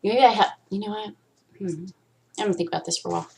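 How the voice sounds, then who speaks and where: A woman chats casually and candidly to camera on her own vlog, rambling, swearing often and playfully trying out different voices. Her mid-range voice is quick, creaky and slightly mellow, with a little background noise.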